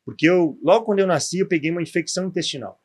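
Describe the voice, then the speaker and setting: In a podcast interview, a former footballer in his forties from southern Brazil tells his story, his gaúcho Portuguese accent clear. His voice sits high and comes out rapid-fire, peppered with frequent tag questions.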